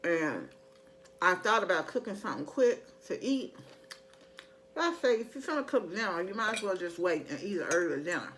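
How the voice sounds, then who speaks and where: A middle-aged mukbang vlogger chats casually and ramblingly with her viewers, becoming emphatic whenever she makes a point. Her voice is fairly low, animated and a bit bright, at a moderate pace, with slight background noise.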